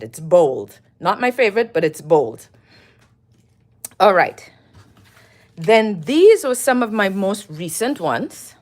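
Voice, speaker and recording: A middle-aged woman from Trinidad, chatting casually on her own livestream as she talks through her collage work and greets viewers. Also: medium pitch. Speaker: collage artist hosting a livestream. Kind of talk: casual livestream talk while crafting.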